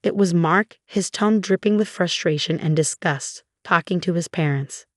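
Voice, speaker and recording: A woman narrating a first-person story in an even, measured way. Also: on the low side, dry recording, studio quality.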